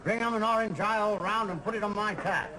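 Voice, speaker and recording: Actor as a high-voiced cocky cowboy gunslinger. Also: male voice, fairly even intonation, fairly quick, over a noisy crowd, lightly acted, low-quality recording. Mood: cool. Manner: mock-western cowboy talk. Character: cocky young gunslinger card player in a western sitcom. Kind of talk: TV sitcom acting.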